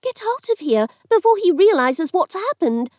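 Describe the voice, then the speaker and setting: A woman's voice: high voice, lively intonation, a little slow, a little mellow, no room sound, studio quality, voice pushed up. A woman voicing a bold, furious young heroine who speaks sharply and cuttingly. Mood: fierce anger.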